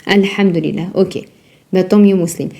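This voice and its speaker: A woman teaching Quran recitation rules in a live lesson, patient and repetitive, drilling words slowly and asking her students questions. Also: fairly low pitch, creaky, mellow. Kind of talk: live online tajwid lesson.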